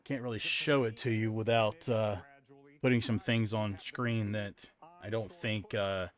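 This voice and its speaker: A man chatting casually as a live streamer, in a rambling, halting way. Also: on the low side, steady tone. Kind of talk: casual livestream chat.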